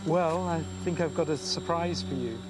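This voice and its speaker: A man's voice: a little high, normal speed, over loud music, poor audio. A man, an expert, explaining his measurements to a presenter outdoors.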